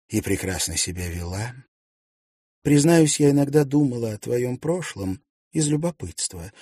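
A man voicing a lonely young gentlewoman who speaks gently but decisively, in an audiobook. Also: medium pitch, husky, no echo, studio quality, voice pushed up. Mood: gentle soothing. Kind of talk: audiobook character voice.

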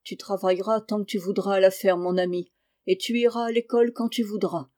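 A gruff, blustering farmer father from a classic storybook, read by a woman. He speaks in a plain, mid-pitched voice. The reading stays close to the reader's own tone. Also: steady tone, fairly quick, dark tone, natural voice.

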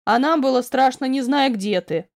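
A woman's voice: high-pitched, moderate pace. A woman reading as a wry young man.

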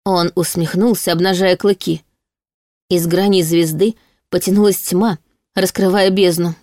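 A woman reading a first-person fantasy audiobook aloud in a lively, expressive way. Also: fairly low pitch, a little slow, dry recording, studio quality. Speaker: audiobook narrator.

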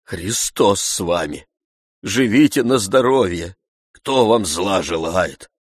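Brief: man playing an old servant, low, humble and grumbling, dry recording. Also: measured pace, dry recording. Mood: pleading. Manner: humble, muttering pleas. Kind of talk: audiobook reading.

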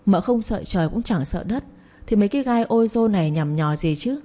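A woman voicing a cold-faced young husband who teases and bosses his wife with a deadpan manner. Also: mid-range voice, a little fast, lightly acted. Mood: teasing. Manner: deadpan, teasing.

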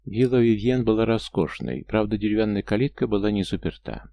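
A man's voice: lowish voice, expressive, a little fast, creaky, warm tone, dry recording. A man narrating a first-person story in a dry, wry manner. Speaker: audiobook narrator.

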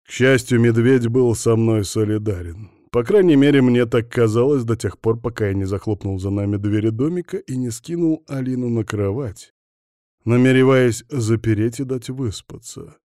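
A man narrating an audiobook in the first person, gruff and teasing in tone. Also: mid-range voice, normal speed, mellow, no echo, clean studio sound.

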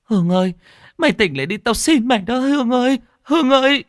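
A man's voice: very high voice, animated, fast, no room sound, studio quality, voice pushed up. A man voicing a frightened young woman who pleads and stammers, in a horror story. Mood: pleading.

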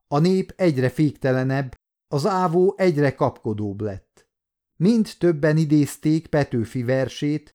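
Guy narrating an audiobook, mid-pitched voice, calm steady reading. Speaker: audiobook reader.

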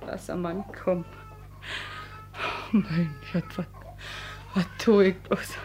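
Slow, steady and dark, this lowish female voice belongs to an actress portraying a desperate, menacing middle-aged cleaning woman in a 1950s radio play manner. Her character coaxes at first, then turns threatening, muttering to herself.

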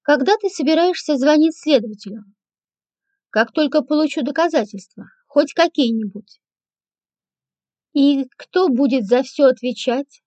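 A woman narrating a first-person audiobook in a dry, measured manner. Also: sits high, expressive, mellow, no echo. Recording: dull lo-fi, dry.

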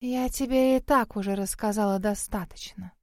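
A woman's voice: medium pitch, moderate pace, darkish tone, no room sound, studio quality, close to an everyday voice. A woman voicing a grumpy female spirit from a well, who grumbles and scolds. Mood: grumbling, scolding.

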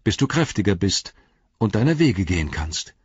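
A man voicing a gentle, merciful young hobbit who speaks earnestly, in a dry, slightly dull recording. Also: on the low side, big pitch swings, normal speed, breathy edge, no room sound, full character voice.

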